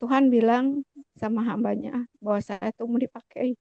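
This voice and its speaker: A woman giving an earnest, halting personal testimony over a video call, with many fillers and restarts. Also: a little high, fairly even intonation, creaky, warm tone, dry recording. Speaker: testimony giver. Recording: muffled lo-fi video call audio.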